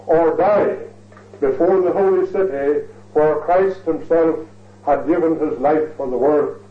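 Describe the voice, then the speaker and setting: Man, high voice, formal lecturer, ornate delivery, heard through a thin, phone-like recording. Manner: measured, ornate, repeats phrases for emphasis. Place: lecture hall. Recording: tinny, echoey recording from far off.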